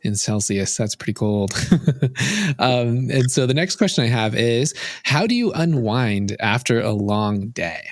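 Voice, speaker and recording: A man hosting a podcast, asking light questions in a relaxed, teasing way. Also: medium pitch, measured pace, no echo. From United States. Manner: easygoing, teasing. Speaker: podcast host. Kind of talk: casual interview chat.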